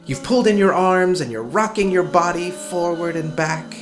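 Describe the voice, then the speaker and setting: A man's voice: sits high, normal speed, over music, close to an everyday voice. A man playing an eerily cheerful radio host. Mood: cheerfully eerie. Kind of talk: podcast audio drama.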